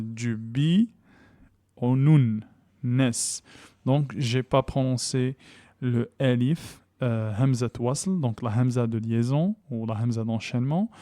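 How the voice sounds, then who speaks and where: A man teaching Quran recitation rules in a lesson, patiently explaining and repeating sounds slowly with emphasis, in a dry close recording. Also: medium pitch, dark tone, no room sound.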